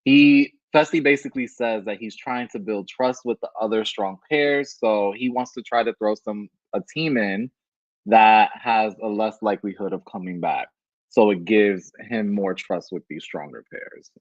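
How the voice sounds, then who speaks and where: A man's voice: on the low side, no echo, dull audio. A man co-hosting a casual recap podcast, chiming in playfully with quips. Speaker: podcast co-host.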